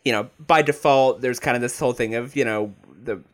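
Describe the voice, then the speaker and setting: A man co-hosting a podcast in relaxed conversation. He talks at a middle pitch and slips in wry asides. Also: brisk. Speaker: podcast co-host. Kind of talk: casual chat.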